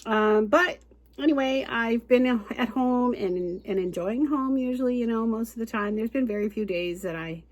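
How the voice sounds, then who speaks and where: A woman's voice: fairly high pitch, moderate pace, dry recording. Chatty woman crafter with a cold. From Canada. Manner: chatty and homey, with frequent fillers and light laughs. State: has a cold, sucking on a cough drop. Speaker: cross-stitch and quilt pattern designer, channel host. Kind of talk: casual chat to camera.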